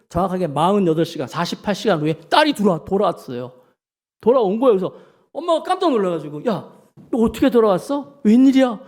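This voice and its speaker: High-voiced pastor preaching a sermon. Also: male voice. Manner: storytelling preacher, acts out quoted voices with lively pitch swings. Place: church sanctuary.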